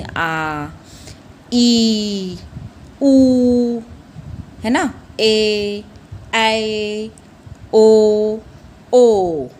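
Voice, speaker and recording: A woman's voice: mid-range voice, a little hiss or hum. A young woman teaching a class of children, patient and repetitive, asking questions back, calling the pupils "beta", and drawing out sounds when she demonstrates them. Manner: patient, repeats "ठीक है" and asks questions back; calls listeners "बेटा" and "बच्चों". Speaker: primary school Hindi teacher. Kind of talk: classroom lesson.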